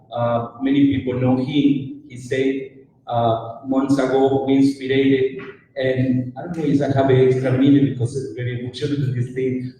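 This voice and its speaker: A man speaking slowly and haltingly in a public comment at a meeting. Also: medium pitch, mellow. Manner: slow, hesitant, halting. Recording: echoey hall from far off.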